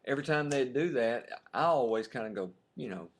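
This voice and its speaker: A man's voice: mid-range voice, lively intonation, fairly quick, noisy background. A middle-aged man with a mid-range voice, chatting on a webcam at home. He tosses in jokes and chuckles as he goes. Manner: jokey, playful, chuckles often. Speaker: co-host of a webcam video. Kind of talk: casual chat.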